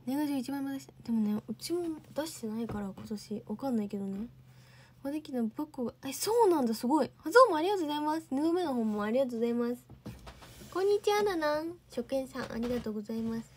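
A woman's voice: a little high, darkish tone, husky. A young woman hosting a casual livestream, chatting and answering viewer comments. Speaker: idol livestream host.

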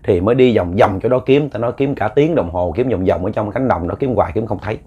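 A man's voice: fairly low pitch, fast talker, husky, lo-fi sound. A man with a Southern Vietnamese accent narrating a ghost story in a folksy, rambling way, often repeating words as he goes.

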